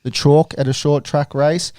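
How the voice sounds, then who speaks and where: A man's voice: a little high, flat delivery, moderate pace, mellow, dry recording, studio quality. A young man hosting a podcast, talking casually and rambling with lots of "you know" fillers. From Australia. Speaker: podcast host. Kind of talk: casual chat.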